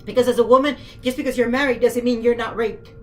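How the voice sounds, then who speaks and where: A woman's voice: fairly high pitch, fairly even intonation, quick pace, slight background noise, rough recording. A woman speaking earnestly to camera about her work, impassioned and emotional, often asking listeners direct questions. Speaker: author and former detention center worker.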